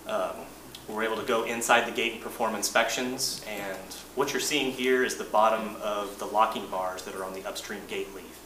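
A man, an engineering manager, presenting updates to a board in a measured, plain-spoken way, often restarting his sentences. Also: on the low side, bright, forceful tone. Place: boardroom meeting. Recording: roomy distant mic, noisy meeting room.

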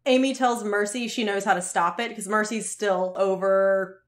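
Woman co-host, casual episode recap, lively and laughing, mid-pitched. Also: moderate pace. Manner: animated, laughs often, lively retelling. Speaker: podcast co-host.

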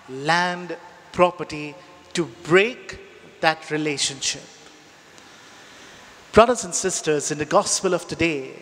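A man in his thirties, a priest, reading and preaching solemnly in measured phrases with a cathedral-like echo. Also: on the high side, a bit bright. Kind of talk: Gospel reading and homily. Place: indoors in a church. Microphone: gooseneck lectern microphone. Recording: echoey church with long reverb.

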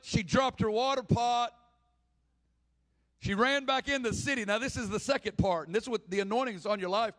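A man's very high, somewhat bright voice carries an impassioned sermon in which he acts out the people in the story he tells.

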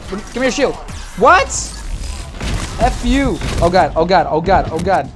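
A man giving live, excitable commentary over a video game, often shouting and swearing. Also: sits high, brisk, over music. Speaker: gameplay commentator.

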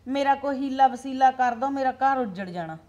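A woman's voice: high-pitched, moderate pace, a little mellow, dull audio, close to an everyday voice. Woman playing a pleading village mother. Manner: pleading with her brother. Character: anxious village mother begging her brother for help. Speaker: mother of the groom. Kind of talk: rural comedy-drama acting.

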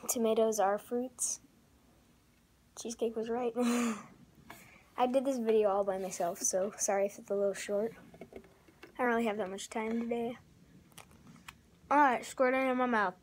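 A woman's voice: on the high side, a little mellow, a little hiss or hum. A young woman hosting her own casual homemade vlog off camera. She rambles and giggles, with lots of likes and ums. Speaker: vlogger. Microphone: off-camera voice, face not shown.

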